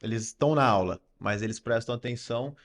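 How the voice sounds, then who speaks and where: A man's voice: mid-range voice, quick pace, a bit bright. A man co-hosting a podcast in a casual, enthusiastic way, speaking straight to listeners with slangy remarks and a Brazilian Portuguese accent. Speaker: podcast co-host.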